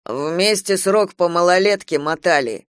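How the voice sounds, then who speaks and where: A woman's voice: fairly low pitch, lively intonation, a little slow, smooth, dry recording, clean studio sound. A woman reading an audiobook, voicing a cheeky young man in drag who speaks slyly and feigns offence. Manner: sly, mock-offended. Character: cheeky young man dressed as a tart, mock-sulky.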